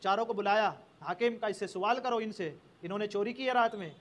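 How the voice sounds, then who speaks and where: A male preacher telling a story in a sermon, animatedly speaking the characters' lines in turn. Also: sits high.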